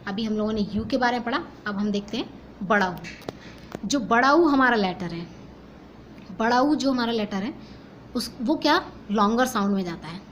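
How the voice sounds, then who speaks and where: Young female teacher, Indian English accent, slightly high pitch, patient step-by-step explainer; light background noise. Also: animated, moderate pace, long pauses, poor audio. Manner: explains step by step, asks and answers own questions; mixes Hindi and English. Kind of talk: phonetics lesson.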